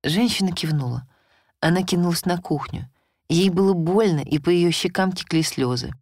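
A woman reads a first-person novel aloud in an expressive, steady storytelling voice. Her voice sits somewhat low. The recording is dry and close, with no room sound. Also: normal speed, no room sound. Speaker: audiobook reader. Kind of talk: first-person audiobook narration.

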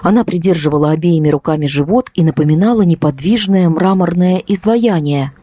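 A woman narrating a first-person audiobook in a measured, tense storytelling manner. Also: fairly low pitch, dark tone, dry recording, clean studio sound.

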